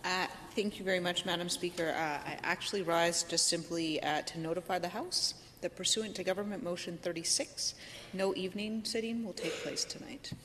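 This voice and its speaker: A woman's voice: on the low side, fairly even intonation, normal speed, a bit bright, a little hiss or hum. A woman justice minister briefly giving a formal procedural notice in a legislative chamber. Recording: distant voice in a reverberant hall.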